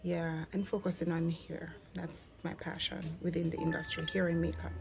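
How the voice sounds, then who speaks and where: A woman's voice: lowish voice, level tone, normal speed, gravelly, music in the background. A Jamaican woman in her thirties chatting casually through a Q&A vlog, slipping into patois now and then. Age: 30s. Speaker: vlogger.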